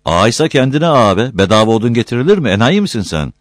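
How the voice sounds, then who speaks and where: A man's voice: medium pitch, very animated, quick pace, no room sound, clean studio sound, pitched above the performer's own voice, natural voice. A man voicing a curt, defiant young villager.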